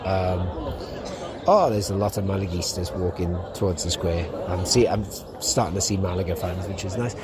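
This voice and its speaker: A young man hosting a podcast chats casually as he walks through a city, rambling along with plenty of ums. His voice is deep and his pace moderate, with a loud crowd around him. The recording picks up outdoor street noise and traffic.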